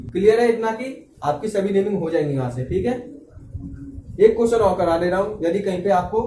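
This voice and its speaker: A man teaching a chemistry lesson, often asking if it is clear and saying okay after each step. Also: sits high, mellow, roomy sound, distant mic, a little hiss or hum. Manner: checks understanding with frequent "clear?" and "okay". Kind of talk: classroom lecture.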